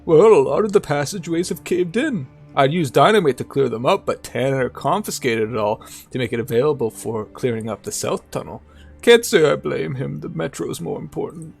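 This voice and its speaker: A man's voice: on the high side, a little fast, gravelly, slightly rough, faint music behind, pitched above the performer's own voice. A man voicing an amiable, chatty old scavenger from a video game in a folksy old-timer manner. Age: older. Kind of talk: video game dialogue read in character.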